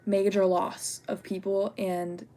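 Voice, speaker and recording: Young woman student, casual and rambly, mid-pitch voice, lots of "like" and "um," candid. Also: little pitch movement, takes it slowly, warm tone. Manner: chatty, lots of "like" and "um"; candid, gets worked up retelling personal story. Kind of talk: casual spoken assignment response.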